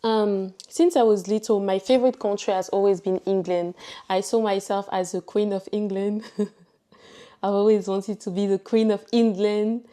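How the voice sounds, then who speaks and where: A young woman from Ivory Coast, a native French speaker with an Ivorian accent, telling her personal story casually as a vlogger, chatty and unhurried with emphatic asides. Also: medium pitch, steady tone, warm tone. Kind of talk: casual personal testimony to camera.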